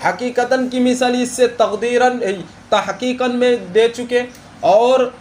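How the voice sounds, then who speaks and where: A man teaching a religious grammar lesson. He talks slowly, repeats the key terms and keeps asking his students questions. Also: extremely high pitch, steady tone, a little mellow, a little hiss or hum. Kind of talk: classroom lesson on Arabic grammar.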